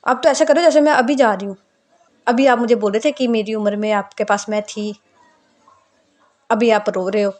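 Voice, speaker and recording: A woman's voice: a little high, fairly even intonation, normal speed, pauses often, a little mellow, natural voice. A woman voicing a tender young daughter. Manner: coaxing, affectionate.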